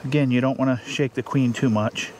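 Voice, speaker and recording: A man, a beekeeper, explaining his steps in a casual, unhurried way while he works outdoors. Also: mid-range voice, fairly even intonation, a little mellow, a little hiss or hum. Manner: plain, unhurried, thinking aloud while working. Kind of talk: casual how-to narration. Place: outdoors beside a beehive. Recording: faint outdoor ambience with buzzing bees.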